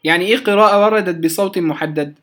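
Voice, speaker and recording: A man's voice: sits high, fast talker, fairly bright tone. A man with an Egyptian accent giving a recorded lesson on Quran recitation, explaining rules through questions he answers himself and stretching out example words. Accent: Egyptian Arabic. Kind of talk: recorded lecture on tajweed.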